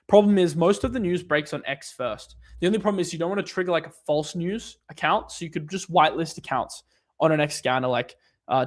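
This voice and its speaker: Male livestream host, higher-pitched voice, casual Q&A delivery, rambles and restarts often, filler-heavy. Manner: loose, rambling, lots of "like" and restarts. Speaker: livestream host answering viewer questions.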